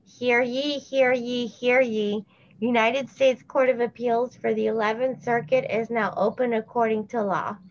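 A woman formally proclaiming as a court crier, in a loud, grand, declamatory ceremonial manner. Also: a little high, fairly even intonation, measured pace, muffled recording. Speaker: court crier opening a session.

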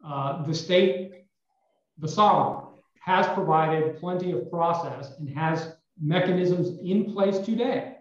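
Attorney, male, formal courtroom delivery, booming well-like echo over a dull, muffled line. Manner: formal, measured courtroom address. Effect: hollow echo, as if speaking inside a well. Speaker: attorney arguing for the state. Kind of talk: appellate oral argument. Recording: echoey, dull remote audio line.

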